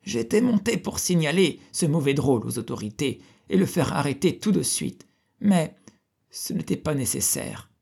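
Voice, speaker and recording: A man reading the part of a weak but sharp-witted old man who tells what happened in a lively way. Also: a little high, moderate pace, gravelly, breathy edge, pitched above the performer's own voice, exaggerated voice. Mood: calm, informative.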